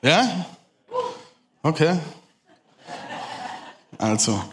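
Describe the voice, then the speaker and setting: A man with a German accent giving a lively sermon, talking fast and speaking straight to the audience. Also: a little high. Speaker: preacher. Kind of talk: lively sermon talk to a crowd.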